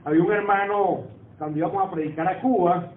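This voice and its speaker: High-voiced preacher on a tinny, echoey line. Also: male voice, quick pace. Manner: conversational, asks the congregation for agreement. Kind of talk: sermon. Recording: echoey room over a tinny phone-like line.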